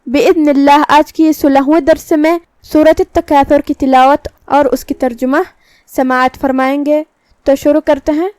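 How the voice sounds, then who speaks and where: A woman teaching Quran recitation, explaining the pronunciation of each letter slowly and carefully. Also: high-pitched, level tone, a little mellow, dry recording. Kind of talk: Quran recitation lesson in Urdu.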